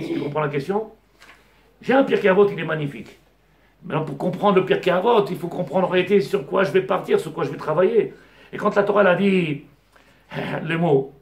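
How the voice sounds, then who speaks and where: A man, a rabbi, giving a Torah class to a small audience, digressive, firing rhetorical questions at the class and mixing in Hebrew terms. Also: sits high. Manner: mixes Hebrew terms into French. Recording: echoey room.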